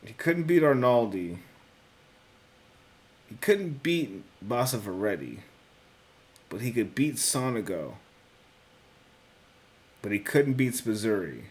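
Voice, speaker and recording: Speaking slowly with a sing-song lilt and long pauses, a young man with a medium-pitched voice runs a relaxed solo talk about sports bets. He works through his thoughts aloud, corrects himself, swears at times, and leans on "dude" and "bro."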